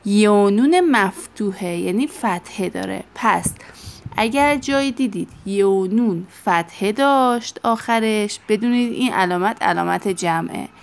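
Woman teacher, mid-pitched, running a grammar lesson. Poses questions and answers them herself, drawn-out stress on examples. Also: gravelly.

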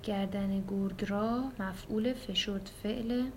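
A woman's voice: mid-range voice, fairly even intonation, a little mellow, a little hiss or hum. A woman teacher explaining grammar plainly, picking sentences apart piece by piece.

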